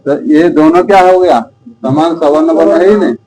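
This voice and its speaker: A man teaching Sanskrit grammar slowly, asking the class questions again and again and drilling sounds aloud. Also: fairly high pitch, dark tone, rough recording. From India. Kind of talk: slow repetitive teaching.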